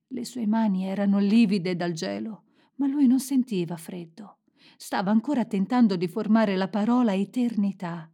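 A woman narrating a fairy tale in a gentle, expressive storytelling manner. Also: medium pitch.

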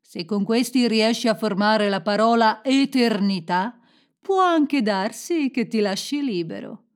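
A woman's voice: a little high, expressive, unhurried, clean tone. A woman voicing a cold, spiteful snow queen in a storybook, haughty and icy.

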